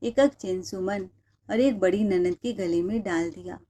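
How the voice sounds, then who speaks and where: A woman reading a family story aloud as a storyteller, in an even narrating manner. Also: mid-range voice, measured pace. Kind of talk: scripted narration.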